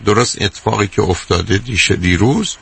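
A man's voice: lowish voice, vocal fry, fairly bright tone, breathy edge. An older man hosting a radio call-in advice show, talking emphatically and repeating his points, calling the caller dear.

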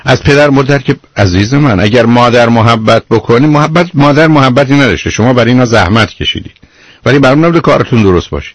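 A man's voice: mid-range voice, no echo. A man hosting a radio call-in advice show, lecturing bluntly and cutting in on the caller.

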